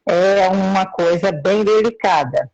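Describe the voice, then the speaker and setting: A woman speaking as a guest in a live interview, heard through a choppy, breaking-up call line, talking in a slow, measured way. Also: medium pitch, vocal fry, a little mellow. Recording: dull lo-fi call audio.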